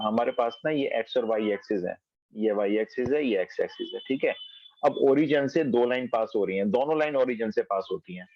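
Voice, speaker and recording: In this clip a man walks students through a math problem online from home, step by step, stopping now and then to confirm they're following. His pitch is middling. Expect a flat, dry, lo-fi sound without any echo.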